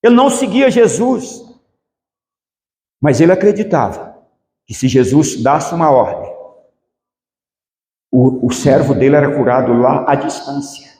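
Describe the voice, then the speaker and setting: A man's voice: fairly high pitch, expressive, unhurried, long pauses, a little mellow, a little hiss or hum. A man preaching a sermon as pastor, asking the congregation rhetorical questions. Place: church. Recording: echoey church hall with long reverb.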